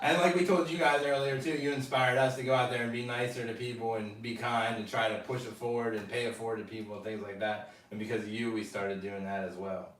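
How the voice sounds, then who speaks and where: A man's voice: mid-range voice, fast talker, few pauses, recorded from a distance. Easygoing man, very echoey room. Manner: easygoing, opinionated, chats in a plain steady voice. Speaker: guest, channel co-host. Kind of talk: casual interview chat. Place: hotel room at a theme-park resort. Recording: very echoey room, voice from off-mic, faint noise.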